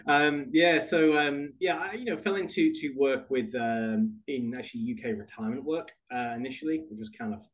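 A British man, a podcast guest, talking through his career in a relaxed, rambling conversational way. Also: mid-range voice, normal speed, hardly any pauses, poor audio. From United Kingdom. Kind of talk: conversational interview.

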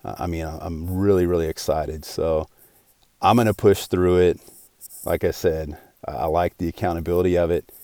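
A man's voice: sits low, steady tone, moderate pace, darkish tone, dry recording, clean studio sound. A man in his forties hosting his own podcast, talking alone in an earnest, rambling way with many restarts. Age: 40s. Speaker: podcast host. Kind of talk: casual solo podcast monologue.

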